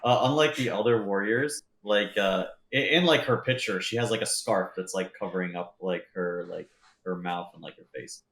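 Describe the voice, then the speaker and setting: Man, game master, low voice, rambling narration, echoey room. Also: normal speed, a bit bright. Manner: rambling, full of "like" and "uh".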